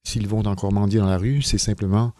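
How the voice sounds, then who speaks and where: A man's voice: on the low side, steady tone, fairly quick, warm tone, dry recording, close to an everyday voice. A man voicing an irritable male schoolteacher who speaks indignantly and venomously in a read-aloud story.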